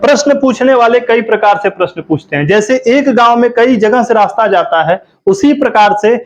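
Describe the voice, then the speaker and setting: A man's voice: very high-pitched, expressive, normal speed. A male teacher giving an exam-prep grammar lesson, asking questions and then answering them himself, and repeating key words to drill them in. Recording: dull lo-fi recording.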